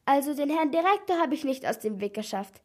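A sweet, gossipy older lady, as a woman narrator puts her on for a storybook reading. She chatters in a friendly, confiding way, with her voice pitched a little high. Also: lively intonation, brisk, a little mellow.

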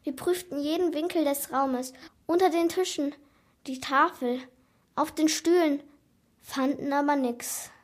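A woman narrating a children's story in an animated, dramatic first-person telling. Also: high-pitched, a little slow.

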